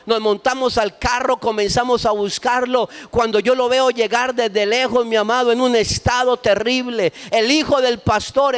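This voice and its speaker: A middle-aged man, preaching a sermon as pastor with impassioned storytelling that rises at times to shouts. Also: very high-pitched, smooth.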